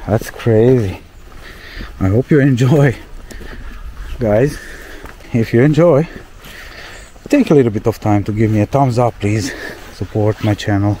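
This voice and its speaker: A young man from Romania walks through a town outdoors, narrating his travel vlog to viewers into a handheld camera mic. His voice is low and dark-toned, his speech slow, full of exclamations and loose fillers. A faint hiss of noise sits under him. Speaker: travel vlogger. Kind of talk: casual walking vlog.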